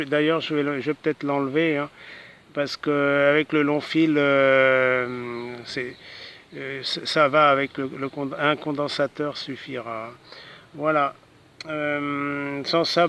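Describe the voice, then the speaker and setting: A man with a fairly high, slightly bright and smooth voice chats casually during a ham radio contact as an amateur operator. He hesitates and often tags little words onto the ends of his phrases.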